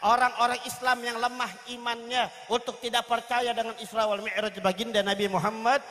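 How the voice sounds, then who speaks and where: A man's voice: extremely high pitch, little pitch movement, brisk, bright, forceful tone. A male preacher telling a religious story dramatically at a gathering, speaking straight to his audience. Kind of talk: sermon storytelling. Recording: reverberant hall sound.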